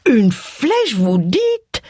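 A woman's voice: high-pitched, big pitch swings, unhurried, a little hiss or hum, voice pushed up. A woman voicing a composed, sarcastic elderly aunt with a nasal voice in an audiobook.

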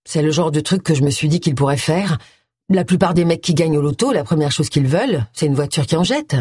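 A woman's voice: low-pitched, expressive, fairly quick, darkish tone, breathy edge, dry recording, studio quality. A woman voicing a frightened young man stuck in a hospital bed in an audiobook, pleading and jumpy. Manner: scared, pleading.

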